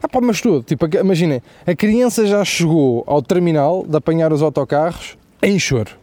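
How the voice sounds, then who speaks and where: Rapid, profane Portuguese comedian. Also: male voice, on the high side, dry recording. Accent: European Portuguese. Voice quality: profane, animated storytelling with asides. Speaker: comedian host. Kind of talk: stand-up comedy monologue.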